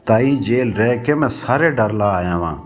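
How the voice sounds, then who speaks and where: A man reading a novel aloud, voicing a young villager just out of jail who speaks slowly in a trembling, angry voice. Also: medium pitch, lively intonation, faint music behind, natural voice. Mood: shaken. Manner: trembling, slow. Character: young villager freed on bail, angry and shaken.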